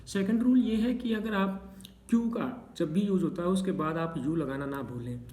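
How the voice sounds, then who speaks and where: Male teacher, fairly high voice, patient explainer, steady classroom lesson delivery. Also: moderate pace. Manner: patient, repeats checks like "okay" between examples. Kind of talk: explaining spelling rules to students.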